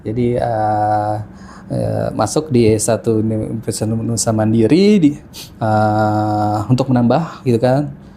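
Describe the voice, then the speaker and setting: A man's voice: lowish voice, fairly even intonation, unhurried, gravelly, dark tone. A man in his thirties, a podcast guest telling his life story in casual chat, with many fillers and restarts. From Jakarta, Indonesia. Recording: faint background noise.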